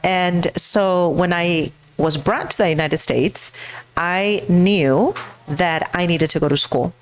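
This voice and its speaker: A middle-aged woman from Mexico, a school board candidate speaking earnestly into a handheld mic, pausing often with fillers and restarts. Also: lowish voice. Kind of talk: personal speech to a live audience.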